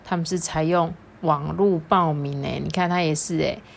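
A woman reading a children's picture book aloud in an animated, playful way. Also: sits low, normal speed, creaky, slight background noise. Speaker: storyteller.

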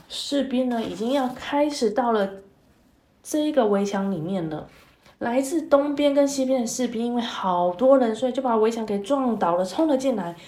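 A woman telling a story to children in a gentle sing-song way, with many soft fillers. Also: fairly high pitch. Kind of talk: children's story read-aloud. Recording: echoey room.

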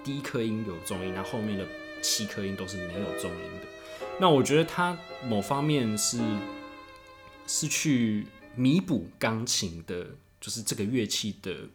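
A man who plays cello talks through a piece of music, thoughtful and unhurried, with small restarts. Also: lowish voice, animated. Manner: thoughtful, explains slowly with restarts. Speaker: cellist guest. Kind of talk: casual music discussion.

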